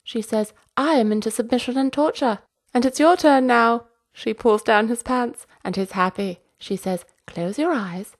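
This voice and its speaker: A woman's voice: on the high side, moderate pace, hardly any pauses, voice pushed up, natural voice. A woman voicing a mild, nervous grown son who speaks hesitantly. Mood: chatty.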